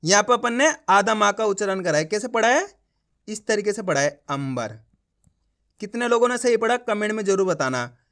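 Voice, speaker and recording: A man's voice: sits high, lively intonation, normal speed, fairly bright tone. Man teaching reading, sounding out syllables. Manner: sounds out words syllable by syllable, then blends them; addresses viewers as friends, coaxing and encouraging. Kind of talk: online reading lesson.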